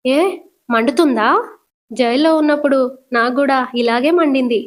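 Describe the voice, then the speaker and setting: Mocking male crook betraying his partner, read by a woman narrator, higher voice than you'd expect. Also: moderate pace, close to an everyday voice. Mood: gloating. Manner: mocking, taunting. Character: scheming male kidnapper villain, gloating.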